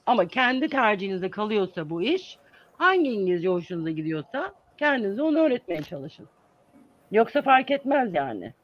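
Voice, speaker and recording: A man who teaches English, answering interview questions in an earnest, explaining manner with many hesitant fillers. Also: high-pitched. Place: lives in the United States. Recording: dull, dry sound.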